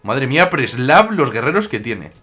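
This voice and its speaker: A man's voice: mid-range voice, sing-song, moderate pace, bright, forceful tone, faint music behind. A man from Spain with a slight Aragonese accent, giving casual, jokey commentary while playing a strategy game and talking back to his rivals. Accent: Aragonese Spanish. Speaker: gaming YouTuber.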